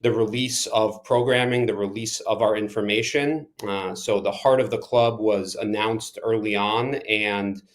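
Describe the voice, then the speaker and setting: This man, a soccer manager and coach born in Ukraine, speaks with a fairly low pitch as he responds to an interviewer. He's emphatic, speeding through certain phrases while drawing others out.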